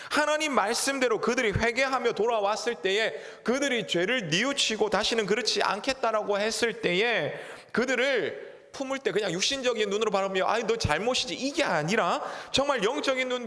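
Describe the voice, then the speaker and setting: A pastor giving an earnest, emphatic sermon in a church sanctuary. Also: male voice, high-pitched, fairly bright tone. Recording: reverberant church hall.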